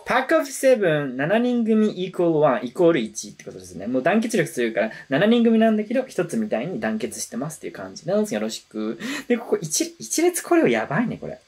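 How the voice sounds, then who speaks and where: Husky woman with a wildly swinging voice. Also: low-pitched, quick pace, few pauses. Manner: chatty, animated, switches between explanation and excited comments. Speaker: reaction video host. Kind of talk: casual reaction and lyric explanation.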